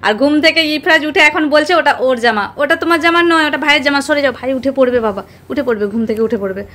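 A woman's voice: sits high, rapid-fire, fairly bright tone, poor audio. A young woman filming her children, playfully teasing them and narrating to viewers. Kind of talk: casual family vlog narration.

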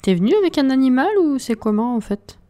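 A woman's voice: high voice, expressive, a little fast, mellow. A woman hosting a let's play from home into a desk mic, giving casual, exasperated commentary and talking to the game characters.

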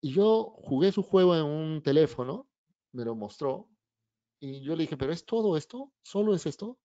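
A man's voice: on the high side, moderate pace, dry recording, highs cut off. Man telling school anecdotes. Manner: animated storyteller acting out dialogue. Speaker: children's book author. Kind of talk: anecdotal talk.

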